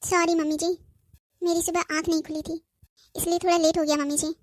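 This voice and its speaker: A woman's voice: very high voice, little pitch movement, a little fast, background noise. A woman voicing a spoiled young cartoon bride who whines and pleads, repeating "mummy" over and over. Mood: meek. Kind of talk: cartoon voice acting.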